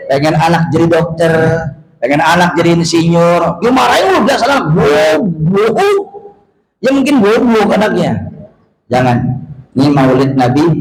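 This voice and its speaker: Male preacher, comic sermon, shouts punchlines; echoey room, faint noise. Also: a little high, lively intonation, moderate pace. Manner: joking, shouting, mimics quarrels. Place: mosque gathering.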